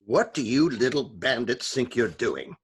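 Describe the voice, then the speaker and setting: An actor playing a stern, scolding school principal with a barking, threatening manner in a screenplay reading. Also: male voice, mid-range voice, sing-song, measured pace, husky. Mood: angry, stern.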